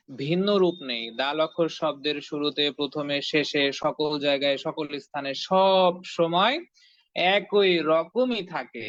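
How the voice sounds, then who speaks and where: A man teaching Quran reading online, patiently repeating phrases and drilling syllables slowly with his students. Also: a little high, fairly bright tone, no room sound. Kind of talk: online Arabic letter lesson. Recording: dull dry lo-fi sound.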